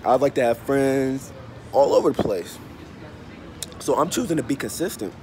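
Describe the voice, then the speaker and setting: Despite a stuffy nose and feeling unwell, this travel vlogger in his thirties sounds expressive in his mid-range voice as he chats unhurriedly to camera, repeating phrases. He records on a phone at arm's length in a noisy open-air hostel bar or cafe, with traffic and street sounds passing.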